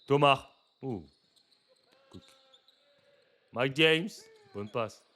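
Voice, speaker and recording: A young man giving casual live reaction commentary to basketball footage, slangy and chatty, breaking into loud excited exclamations. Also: mid-range voice, very slow.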